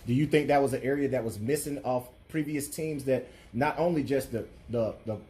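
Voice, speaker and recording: A man's voice: medium pitch, brisk, darkish tone. A man interviewing a coach in an informal, conversational way, with wordy lead-ins to his questions. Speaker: sports interviewer.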